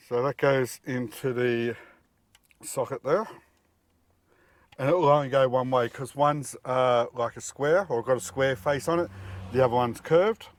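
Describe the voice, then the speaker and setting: In a dry recording, a medium-pitched middle-aged man guides viewers through a practical task step by step. This DIY presenter works outdoors at a car's engine bay and inside the cab, keeping it casual and straightforward.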